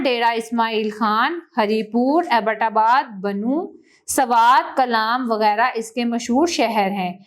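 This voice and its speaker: Woman, teacher, slightly high voice, careful classroom reading. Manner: slow, clear classroom reading, stressing each word in lists. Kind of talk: reading a school textbook lesson aloud.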